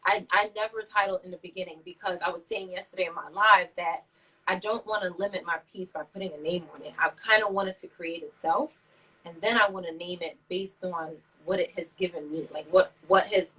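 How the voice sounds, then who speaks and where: A woman's voice: mid-range voice, a bit bright, husky, distant mic, low-quality recording. A woman from Brooklyn, an abstract artist chatting casually in an interview, thinking aloud with frequent restarts. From Brooklyn, New York. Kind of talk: casual interview over a live stream.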